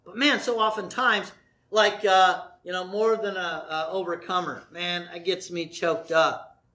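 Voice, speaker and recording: A man preaching a sermon as pastor, folksy and animated, with asides and jokes to the congregation. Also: sits high, measured pace.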